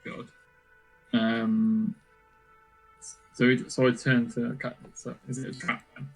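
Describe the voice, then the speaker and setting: A man's voice: medium pitch, little pitch movement, slow, faint music behind, rough recording. A man playing a tabletop game, rambling and laughing as he describes his character's actions. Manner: giggly, rambling. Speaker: player. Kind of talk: casual tabletop play.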